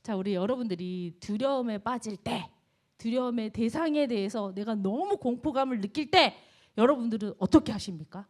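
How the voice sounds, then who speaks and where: Woman preaching, young adult, high voice, very lively pitch, asks the listeners questions. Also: moderate pace. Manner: animated, asks the audience questions, acts out cries to God. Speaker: college ministry preacher. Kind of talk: sermon.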